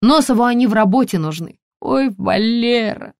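A woman's voice: on the high side, animated, moderate pace, gravelly, no room sound, clean studio sound, pitched above the performer's own voice. A woman reading an audiobook, voicing a frightened, agitated village woman who pleads, fusses and cries out. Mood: panicked. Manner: fussing, pleading, shouting.

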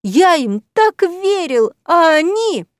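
A woman's voice: on the high side, animated, unhurried, clear, resonant tone, no room sound. A fussy, pompous male cat who lectures and huffs, as a woman reader puts him on. He stays stern and self-important, and his voice climbs sharply when he feels wronged. The audiobook sound is dry and close. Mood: outraged. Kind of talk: audiobook character voice.

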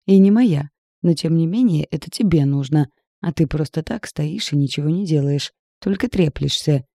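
A man voicing a fiery, sharp-tongued young village woman in an audiobook, scolding and sarcastic with a raised voice. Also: a little high, moderate pace, gravelly, no room sound, studio quality. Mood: angry scolding. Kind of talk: audiobook character reading.

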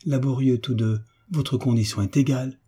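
A man's voice: mid-range voice, steady tone, moderate pace, dark tone, slightly rough, voice pushed up, close to an everyday voice. A man voicing an anxious young heiress in an audiobook, full of astonished questions. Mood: consoling. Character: young rich heiress, anxious concerned friend. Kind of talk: audiobook reading.

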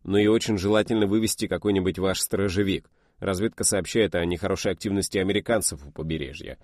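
A man reading an audiobook voices a commanding male officer who gives crisp, businesslike orders. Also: sits low, fast, darkish tone, no room sound, studio quality.

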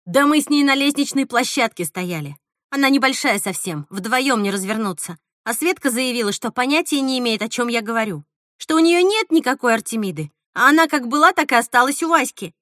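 Woman voicing a bitter killer actress for an audiobook: loud, bright, unhinged. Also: on the high side, lively intonation, brisk, dry recording, clean studio sound. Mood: furious. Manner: hissing, shouting, unhinged. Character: bitter, vengeful actress Mila, a murderer. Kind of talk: audiobook reading.

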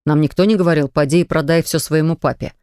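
A woman reading aloud voices a hot-tempered, exasperated father in a lowered voice, lecturing and blustering. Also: fairly even intonation, fast talker, warm tone, clear, resonant tone, no echo, studio quality, natural voice.

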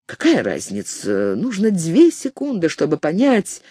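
A jealous young woman speaks in a lazy, flat drawl that turns teasing, as an audiobook reader puts her on. Her pitch still jumps about. The sound is dry and close. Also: measured pace, husky, no echo, exaggerated voice. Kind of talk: audiobook character voice.

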